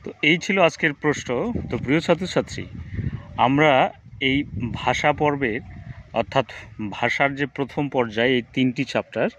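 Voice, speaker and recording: A male teacher running through exam questions, reading each question and then giving its answer in a steady drilling rhythm. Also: mid-range voice, normal speed, pauses often. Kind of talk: exam quiz review lesson. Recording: dull lo-fi recording, faint background noise.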